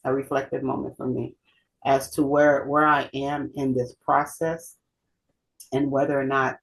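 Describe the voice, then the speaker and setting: A woman's voice: very deep voice, level tone, a little slow, vocal fry, low-quality recording. A middle-aged woman co-hosting a heartfelt conversation, reflective and emphatic, often repeating herself. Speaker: co-host.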